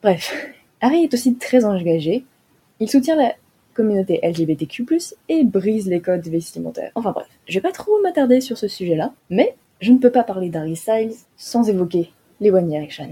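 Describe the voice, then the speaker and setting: A woman's voice: medium pitch, very animated, normal speed, mellow, breathy edge. A teenage girl presenting a scripted music column for a school radio show, joking and mocking herself, and turning mock-dramatic when she gets sad. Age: teens.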